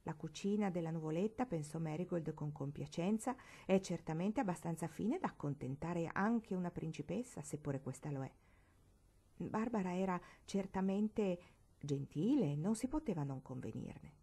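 A woman reading a classic novel aloud as narrator, in an expressive, dramatic manner. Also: on the low side, normal speed, slightly rough. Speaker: storybook reader.

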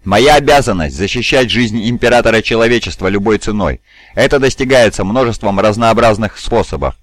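A man's voice: on the low side, expressive, brisk, no echo. A man voicing a huge, stern male bodyguard warrior who talks bluntly and firmly.

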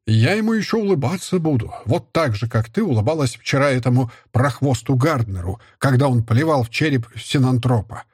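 A man's voice: mid-range voice, expressive, brisk, few pauses, darkish tone, husky, dry recording, clean studio sound. A man voicing a bitter, disgusted scholar. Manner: bitter, contemptuous outbursts. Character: bitter, disgusted middle-aged scholar and husband. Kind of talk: audiobook character voice.

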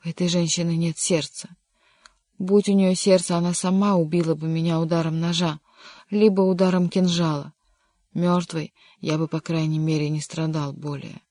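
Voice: medium pitch, level tone, normal speed, a little mellow, no echo, natural voice. A reader voicing a lovesick young count in despair. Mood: anguished. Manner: impassioned, pleading. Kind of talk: audiobook reading.

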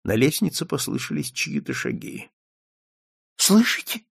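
A man narrating a story in an expressive, dramatic manner. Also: medium pitch, normal speed, no room sound, studio quality. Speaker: audiobook narrator.

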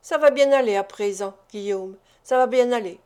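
Sly old gang boss, wheedling and servile, voiced by a woman reading a storybook, fairly high pitch. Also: moderate pace, a little mellow, close to an everyday voice. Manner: wheedling, submissive. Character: sly old male gang leader, fawning.

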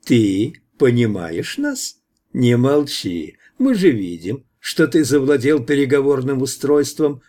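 A man voicing a menacing three-eyed alien creature that talks slowly and with scorn in an audiobook. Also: mid-range voice, big pitch swings, dark tone. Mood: scornful.

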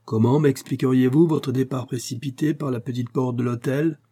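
A man's voice: medium pitch, normal speed, mellow, pitched above the performer's own voice, lightly acted. A man voicing a proud, spoiled young heiress in an audiobook, speaking in an imperious, scornful way. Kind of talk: audiobook character reading.

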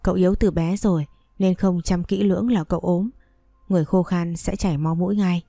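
A woman's voice: lowish voice, steady tone, fairly quick, gravelly, dark tone, no echo, faint music behind. A woman voicing a fussing, talkative older housekeeper in a read-aloud story.

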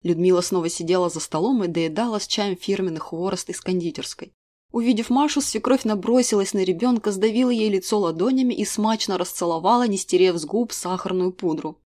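A woman narrating a first-person audiobook in a dry, ironic tone. Her voice sits at an ordinary middle pitch and the reading is steady and scripted. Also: brisk.

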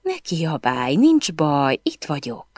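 A woman reading the part of an irritated famous actress who is sharp with people and gentle with her bird. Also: low voice, sing-song, dry recording, studio quality, exaggerated voice. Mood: soothing. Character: irritated famous female film star, young adult.

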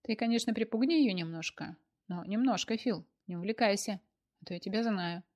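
A woman's voice: mid-range voice, fairly quick, a little mellow, natural voice. A woman voicing a scheming young woman who blackmails her former friend, with a hissing, mocking delivery. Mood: scolding.

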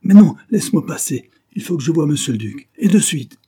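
A man's voice: fairly high pitch, very animated, measured pace, warm tone, husky, voice pushed up, full character voice. A man voicing a panicked household majordomo who cries out frantically in an audiobook. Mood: frantic panic.

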